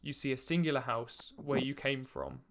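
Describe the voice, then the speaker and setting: A man's voice: medium pitch, fairly even intonation, normal speed, gravelly, noisy background. A young man narrating as game master in a tabletop game, hesitant with many fillers and restarts. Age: young adult.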